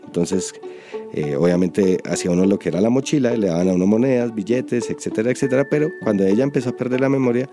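A man with a Colombian accent, speaking earnestly in an interview and pausing to search for words. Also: fairly low pitch, music in the background. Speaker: storyteller interviewed. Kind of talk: reflective interview.

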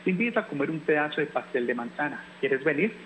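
A man reading aloud and voicing a kind, motherly female bear who speaks gently and warmly. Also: on the high side, big pitch swings, fast talker, slight background noise, poor audio. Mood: gentle.

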